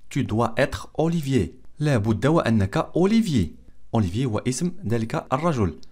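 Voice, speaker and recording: Man teaching with lively pitch. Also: breathy edge. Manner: repeats phrases slowly, then explains. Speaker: French teacher. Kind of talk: language lesson explaining phrases.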